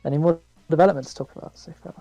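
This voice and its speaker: A man co-hosting a casual podcast chat over a voice call, talking quickly and chattily. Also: on the high side, steady tone, creaky, warm tone, soft background music, poor audio. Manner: quick, chatty, laughs easily. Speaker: podcast co-host. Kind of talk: casual chat about a board game.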